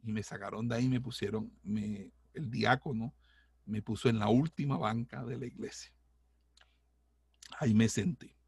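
A middle-aged man, a pastor, tells his own story in a heartfelt, halting way, often stopping and starting again. His voice sits low and has a gravelly, husky texture. The recording is dry and close, with no room sound. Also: fairly even intonation, a little mellow, no echo. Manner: heartfelt, halting, many restarts and fillers. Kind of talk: personal testimony.

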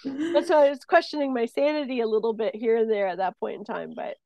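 Talking fast in a slightly high voice, a medium and podcast co-host casually shares spirit messages and a personal story. She rambles with many fillers and restarts but gets lively when telling stories, and there's no echo.

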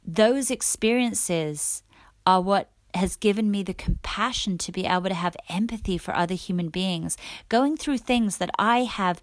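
A woman's voice: lowish voice, no echo, clean studio sound. Candid woman telling a personal story. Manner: candid, emotional, reflective. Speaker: podcast host and coach.

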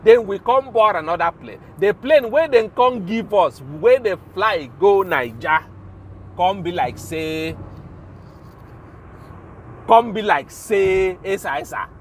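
A man with a notably high voice and a Nigerian accent delivers an informal rant as a show host. He speaks haltingly and emphatically, often repeating himself. There is faint noise behind him, like urban or vehicle ambience. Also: animated. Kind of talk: informal spoken rant in Pidgin.

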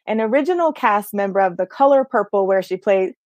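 A woman's voice: mid-range voice, lively intonation, a little fast, a little mellow, dry recording. Theatrical enthusiastic female host. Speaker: podcast host. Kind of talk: interview introduction and chat.

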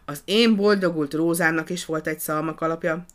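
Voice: medium pitch, steady tone, a bit bright, close to an everyday voice. A storyteller voicing a confused, dim-witted older male porter who sounds bewildered and eager to please.

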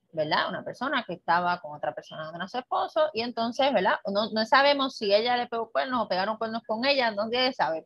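A woman hosting a casual talk on Bible topics, lively and conversational, often checking in with the listener and acting out dialogue. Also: medium pitch, no echo. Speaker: host. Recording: dull, muffled dry sound.

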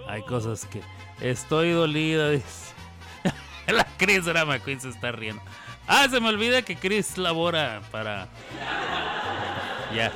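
A man's voice: on the high side, sing-song, takes it slowly, pauses often. A man with a Mexican accent hosting a radio show, chatting playfully and teasing listeners as he reads their comments. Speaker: radio host. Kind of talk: casual radio chat. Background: music.

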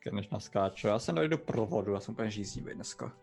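A man's voice: fairly low pitch, lively intonation, a little mellow, husky, faint music behind. A man playing in an online tabletop game, laid-back and making short remarks. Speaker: player. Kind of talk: casual chat during an online game.

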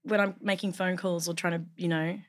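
Her voice is on the low side, a little fast and flat in delivery, with an Australian accent. The young woman, an actor who co-hosts a podcast, keeps things casual, laughing frequently while staying grounded and reflective.

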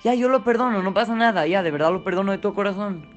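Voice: mid-range voice, fast, close to an everyday voice. A storyteller voicing a man who stands up for someone being shamed. He speaks earnestly and reproachfully. Faint music plays behind. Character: calm man defending another in line.

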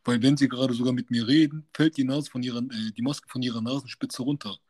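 A man's voice: medium pitch, steady tone, fast, darkish tone. A young man in casual chat, animatedly retelling a confrontation at work in street slang and acting out what people said. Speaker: storyteller recounting a work incident.

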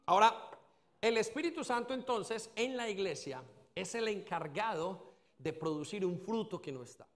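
A man's voice: high-pitched, lively intonation, moderate pace. A male pastor preaching a sermon, leading the congregation in call-and-response and acting out the excuses of doubters.

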